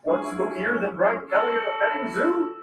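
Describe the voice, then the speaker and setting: A sarcastic male game-trailer announcer rattles off jokes and shouted pinball callouts. His voice is high and lively. It sounds roomy and slightly distant over trailer music. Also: moderate pace. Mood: mocking. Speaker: trailer narrator. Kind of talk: jokey promo narration.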